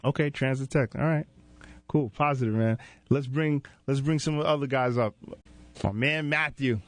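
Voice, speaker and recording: A man's voice: medium pitch, normal speed. A man hosting a casual interview with his students as their youth mentor. He talks in an easygoing, encouraging way and often calls them "man" and "brother.". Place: indoor recording space at a sports arena.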